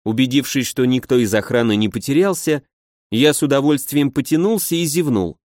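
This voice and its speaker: A man's voice: mid-range voice, animated, brisk, a little mellow, no room sound. A male audiobook narrator with an ordinary mid-range voice, reading in a wry, conversational first-person manner. The recording is close and very dry, with no room sound.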